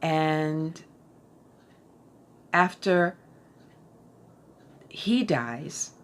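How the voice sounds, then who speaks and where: A middle-aged woman giving a casual book review, thoughtful and unhurried, with frequent fillers and restarts. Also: sits low, expressive. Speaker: book vlogger.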